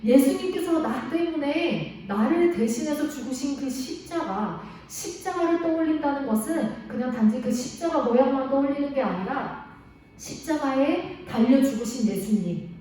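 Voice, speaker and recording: A woman gives a children's sermon in a coaxing, animated way and keeps asking the kids questions. Her voice is high-pitched but mellow. It comes across distant and very roomy, with a faint noise floor. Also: moderate pace. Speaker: children's ministry preacher. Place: church hall. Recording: echoey church hall from far off.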